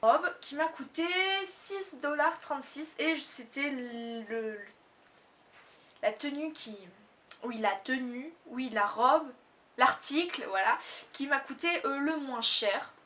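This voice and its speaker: A woman's voice: high-pitched, takes it slowly, bright, forceful tone, distant mic. A teenage girl from Réunion chatting casually through a clothing haul, rambling with many fillers and self-corrections. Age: teens. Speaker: fashion haul vlogger. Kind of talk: casual haul video chat.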